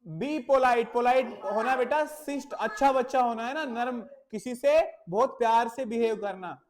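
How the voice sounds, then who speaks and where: A woman's voice: fairly high pitch, normal speed, a little mellow. A woman teaching a classroom of children, patiently repeating short phrases and drilling them again and again. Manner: patient, repetitive drilling, calls pupils "beta". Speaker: English teacher. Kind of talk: classroom phrase lesson mixing Hindi and English.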